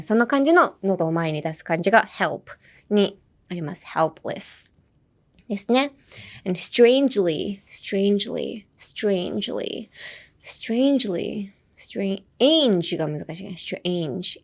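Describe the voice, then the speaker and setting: Young woman teaching pronunciation, bouncy, laughs a lot, says words over slowly, pitch jumps around. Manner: lively, laughs often, repeats words slowly for practice. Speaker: English pronunciation teacher and host. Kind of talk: bilingual pronunciation lesson.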